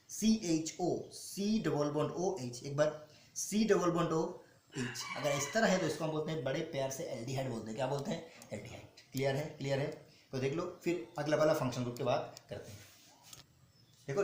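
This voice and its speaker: A male chemistry teacher explaining step by step, asking questions, answering them himself and slowing down to spell out formulas. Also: fairly high pitch, darkish tone. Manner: repeats questions and answers them himself, calls students "beta". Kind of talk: classroom-style teaching. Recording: echoey room with faint noise.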